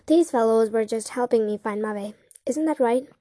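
Audiobook figure: hearty, smug middle-aged man, read by a woman, mellow tone. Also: on the high side, moderate pace, no room sound, close to an everyday voice. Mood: jovial. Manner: chortling, hearty, a little smug. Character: jovial heavy-set middle-aged male passenger. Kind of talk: audiobook character voice.

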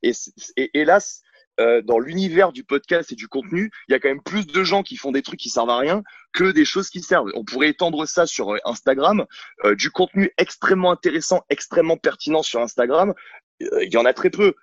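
A man's voice: fairly high pitch, animated, brisk, no room sound, dull audio. Blunt, outspoken French-speaking coach, man. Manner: blunt, outspoken, many hesitations and restarts. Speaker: CrossFit coach, podcast guest. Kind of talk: casual conversational interview. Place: at home on a couch, filming himself. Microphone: camera mic.

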